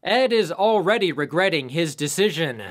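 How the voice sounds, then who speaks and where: A man's voice: fairly high pitch, expressive, moderate pace, a little hiss or hum. A man recapping a horror movie as a reviewer, with sarcastic joking asides. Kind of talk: comedic film recap narration.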